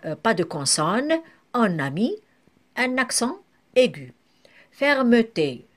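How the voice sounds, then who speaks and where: A woman teaching French spelling in a slow classroom manner, breaking words into syllables and sometimes correcting herself. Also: mid-range voice, a bit bright. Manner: spells out syllables one by one, with occasional self-corrections.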